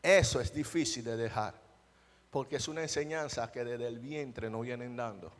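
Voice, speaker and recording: A man's voice: medium pitch, moderate pace. A male pastor preaching a sermon, emphatic, often asking the congregation rhetorical questions. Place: church. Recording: long church hall reverb.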